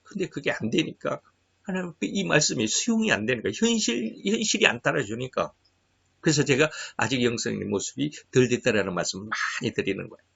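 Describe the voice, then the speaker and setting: A man preaching a sermon in an earnest, confessional way, often pausing with hesitant fillers. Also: medium pitch, animated, gravelly, a bit bright, slightly rough. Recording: dull lo-fi recording.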